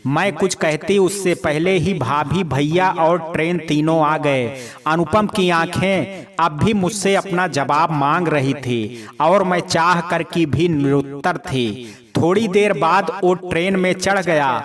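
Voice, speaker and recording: A man narrating a first-person family story in a calm, unhurried storytelling manner. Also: fairly high pitch, a crowd in the background.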